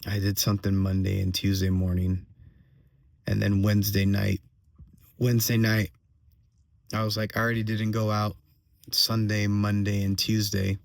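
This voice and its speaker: A man with a slightly hoarse, fairly low voice gives a casual personal update as a vlogger in a solo monologue, venting haltingly, repeating phrases and checking in with tag questions. His delivery is completely flat, with no echo.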